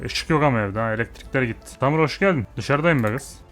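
Fast-talking young man, excitable let's-play commentary, quiet game music behind, talks back to the characters. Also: mid-range voice. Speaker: gamer. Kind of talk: casual gameplay commentary.

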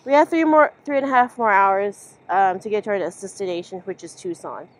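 Animated and fairly quick, a young woman with a medium-pitched voice rambles casually through a travel vlog she hosts and shoots herself. Her camera, held at arm's length, records through its built-in mic, and the amateur handheld audio is noisy.

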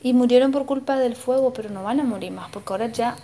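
Soothing high-voiced Argentine mother. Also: quick pace, warm tone. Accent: Argentine Spanish. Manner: soothing, tender, uses endearments. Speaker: mother comforting her young child. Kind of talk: casual home conversation. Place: indoors in a home room. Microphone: handheld phone, close by. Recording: noisy handheld phone video.

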